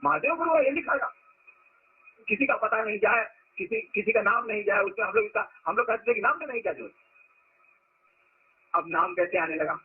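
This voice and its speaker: Over phone-quality audio, a man delivers a casual spiritual talk as a teacher, asking rhetorical questions in a conversational way. His voice is high, expressive, and breathy-edged, and he speaks briskly with frequent pauses.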